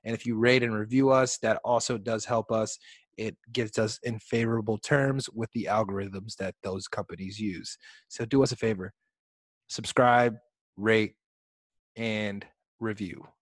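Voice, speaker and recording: A man's voice: on the low side, steady tone, measured pace, no echo. Young male co-host, Chicago accent, easygoing and profane, dry close recording. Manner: loose, swears casually, many fillers. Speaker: podcast co-host. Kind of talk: casual chat.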